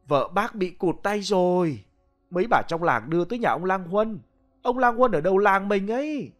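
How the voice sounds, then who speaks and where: A man voicing a village man who shouts alarming news at his friend, yelling and scolding. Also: sits high, lively intonation, moderate pace, soft background music, pitched above the performer's own voice. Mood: shouting alarmed.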